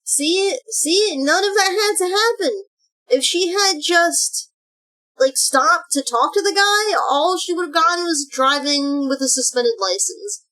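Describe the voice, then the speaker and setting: A woman's voice: very high-pitched, a little slow, sharp tone, rough recording. A woman streamer giving casual reaction commentary in a cute anime streamer manner.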